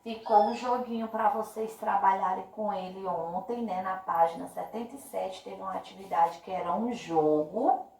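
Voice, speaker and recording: A Brazilian Portuguese-speaking woman teaching a primary school class by video, drawing out each word slowly and speaking with affectionate diminutives. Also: medium pitch, a little mellow, reverberant, distant mic, poor audio. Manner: slow, drawn-out emphasis on words. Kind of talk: remote class video lesson.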